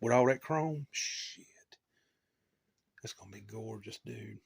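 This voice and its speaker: A middle-aged man hosting a casual chat in his home hobby shop, excitable and swearing a lot as he exclaims over things. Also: on the low side, takes it slowly, gravelly, husky. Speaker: channel host.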